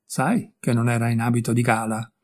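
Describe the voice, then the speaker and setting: Voicing a clever, worldly young painter for an audiobook, a man talks a little fast in a medium-pitched, darkish, natural voice with a flat delivery. The character sounds amused, his manner light and teasing.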